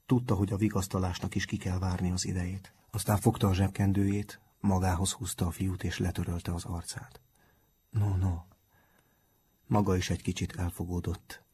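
A man calmly reading a children's story aloud as narrator. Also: low voice, breathy edge. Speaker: audiobook narrator.

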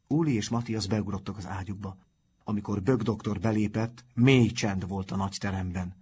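A man with a husky voice narrating a children's book in a calm, steady storytelling manner. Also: fairly low pitch, a little hiss or hum. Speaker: audiobook narrator. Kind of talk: scripted narration.

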